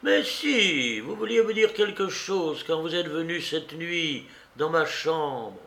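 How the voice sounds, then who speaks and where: A man voicing a timid elderly bishop who speaks softly and hesitantly in an audiobook reading. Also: fairly high pitch, expressive, takes it slowly, creaky, heavily acted. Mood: gentle hesitant. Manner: gentle, hesitant. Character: timid elderly male bishop, soft trembling voice.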